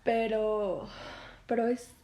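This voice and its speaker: A woman's voice: fairly high pitch, fairly even intonation, slow pace, mellow. A woman with a Mexican accent hosting a casual podcast monologue, chatty and full of filler words. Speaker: podcast host. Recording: roomy echo.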